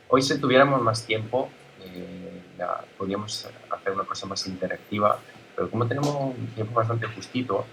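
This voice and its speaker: An Italian man, a native Italian speaker, giving a conference talk as a guest speaker, halting, with many fillers and restarts. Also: fairly low pitch, bright, forceful tone, a little hiss or hum, rough recording. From Italy.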